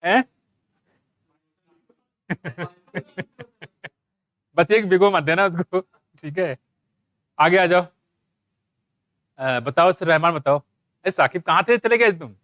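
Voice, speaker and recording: A man lectures a classroom of students. His voice sits high, and the sound is dry and close, with no room echo. He teases and scolds in turns, calling on students by name. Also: takes it slowly, long pauses, fairly bright tone. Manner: teasing, scolding, jokey, calls students by name. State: dry throat from shouting. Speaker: biology teacher. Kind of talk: live classroom lecture with quizzing.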